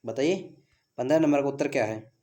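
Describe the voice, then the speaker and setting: Male teacher, mellow tone, drills exam questions, repeats key answers back. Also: medium pitch, brisk. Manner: quizzing, reads options then gives answers; repeats key words as a question to stress them. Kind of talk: exam practice lesson.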